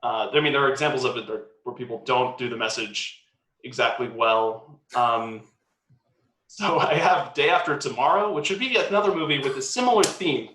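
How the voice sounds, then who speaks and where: A man's voice: mid-range voice, animated, moderate pace, sharp tone, reverberant. A man chatting casually about movies and science, rambling with lots of fillers and hedges. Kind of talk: casual chat.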